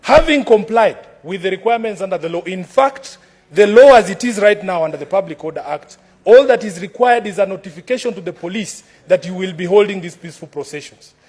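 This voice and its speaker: A Kenyan man with a high-pitched voice speaks as an opposition senator in formal debate. His delivery is combative and declamatory, built on repeated formal addresses to the chair. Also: expressive, fairly quick, a little mellow. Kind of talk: formal parliamentary debate speech.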